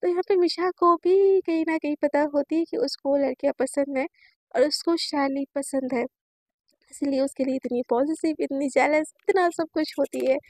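A woman's voice: high voice, normal speed, a little mellow, no room sound. A woman narrating a love story in a chatty, repetitive way, acting out the lines.

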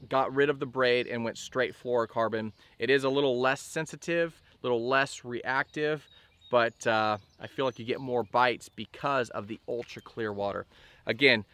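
A man in his thirties giving a relaxed, chatty fishing gear review to camera outdoors by a lake, with a lot of fillers. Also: mid-range voice, clean tone. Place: outdoors on a bass boat by a lake.

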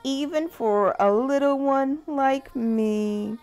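A woman voicing a small, sweet and hopeful girl mouse with a soft, earnest manner. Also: sits high, sing-song, moderate pace, faint music behind, pitched above the performer's own voice.

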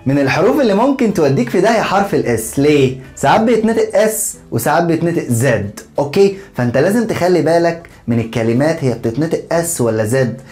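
An energetic man with an Egyptian Arabic accent leads a pronunciation lesson, his pitch swinging widely as he models words one by one. He speaks in an echoey room, with faint music underneath. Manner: energetic, repeats words slowly and checks with "okay?". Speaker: English pronunciation teacher.

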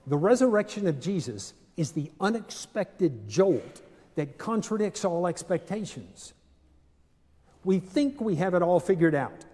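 Older guy pastor giving a sermon, slow and deliberate, mellow voice, long church echo. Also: high-pitched, animated. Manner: measured, deliberate preaching with dramatic pauses. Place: large stone church sanctuary, at a pulpit. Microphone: pulpit microphone, far camera.

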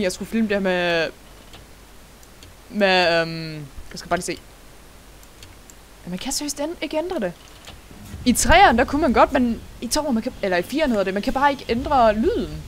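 A young adult host giving let's-play commentary over a game, excitable, laughing often and dropping English words into the talk. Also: medium pitch, slight background noise. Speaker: gaming channel host.

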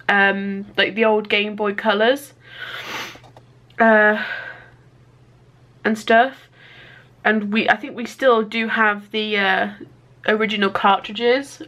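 Chatty, excitable young woman. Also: fairly high pitch. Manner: chatty and excitable, with many fillers. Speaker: vlogger. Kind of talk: casual daily vlog. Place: at home indoors.

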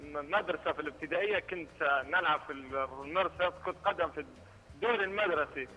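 A young man with a Libyan accent, a media student, calls in to a TV show by phone and talks in a halting way while he searches for his words. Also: on the high side, sharp tone, rough recording. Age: young adult. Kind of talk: phone interview. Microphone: phone call.

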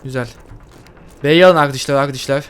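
A man giving casual, excitable commentary while playing a shooter game, joking and swearing at what happens. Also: medium pitch, quick pace, smooth. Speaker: gaming YouTuber. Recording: faint gunfire behind. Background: faint game gunfire and explosions.

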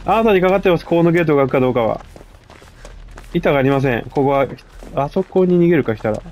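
A man with a gravelly voice, chatting casually and mocking himself as he comments on his own game play. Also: medium pitch, quick pace, darkish tone. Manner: chatty, self-mocking, frequent laughs. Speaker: gameplay commentator.

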